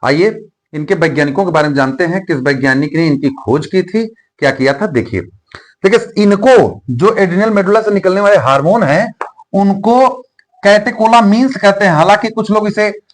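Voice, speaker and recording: A man's voice: high voice, normal speed. A man teaching a biology lesson, asking questions and answering them himself and repeating key terms. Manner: teaching memory tricks.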